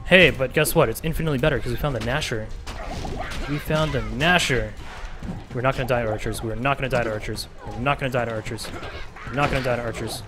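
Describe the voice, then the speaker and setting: A man streaming a game and talking it through live. He is chatty and excitable, and he repeats phrases in playful bursts. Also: medium pitch, fast. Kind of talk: live gameplay commentary. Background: game music.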